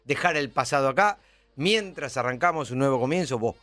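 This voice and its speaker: A man's voice: medium pitch, animated, fairly quick, bright, forceful tone, faint music behind. A man with a Rioplatense Spanish accent, a radio columnist joking in a mock-serious, sarcastic way in a studio. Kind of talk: comic radio banter. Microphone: studio microphone.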